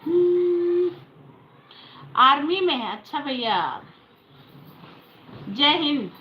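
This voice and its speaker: Live host, woman with an Awadhi Hindi accent, high and unhurried, chatty with viewers, roomy lo-fi phone sound. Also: slight background noise. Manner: chatty, reads out viewer comments and answers them. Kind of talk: casual live-stream chat with viewers.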